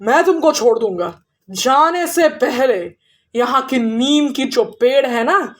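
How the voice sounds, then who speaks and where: A woman voicing a stern male tantric exorcist who gives gruff commands. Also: sits high, lively intonation, takes it slowly. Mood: commanding.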